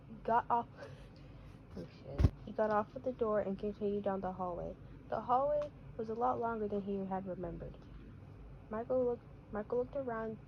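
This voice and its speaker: A woman's voice: mid-range voice, a little hiss or hum. A woman reading her own story aloud, stumbling and restarting phrases often. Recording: dull lo-fi recording.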